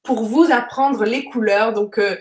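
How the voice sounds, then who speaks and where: A woman teaching a live online lesson, her voice pitched a little high and her pace unhurried. She explains patiently, with plenty of fillers and friendly tag questions. The recording has a noticeably roomy echo. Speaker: French teacher. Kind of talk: live-streamed vocabulary lesson, reading viewer comments.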